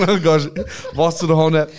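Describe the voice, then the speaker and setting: This young podcast co-host has a Swiss German accent and a fairly high voice, talking at a moderate pace over a slight hiss or hum. In the casual chat, he energetically acts out scenes and voices and pokes fun at his friend.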